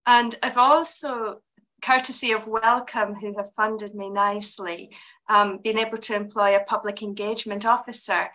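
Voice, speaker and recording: A woman's voice: mid-range voice, fairly even intonation, moderate pace, pushed and bright, poor audio. A woman in her forties, a clinical researcher, explaining her work matter-of-factly on a video call through a headset. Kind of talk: panel discussion on a video call. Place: small room indoors.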